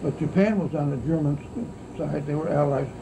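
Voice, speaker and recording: An elderly grandfather from the United States, roughly in his nineties or older, casually recounts his wartime boyhood for an oral history. The pitch is fairly high and the voice aged and creaky. He rambles with pauses and habitual "see"s against a noisy, buzzing insect-like backdrop.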